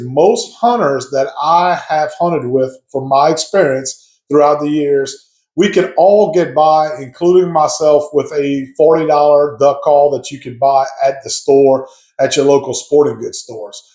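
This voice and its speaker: A man's voice: fairly high pitch, unhurried, darkish tone. A man talking casually to viewers in a conversational, explanatory way, sharing his opinion as a hobby hunter. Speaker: hobby duck hunter giving advice to viewers. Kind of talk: casual opinion talk to camera. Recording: echoey, roomy sound.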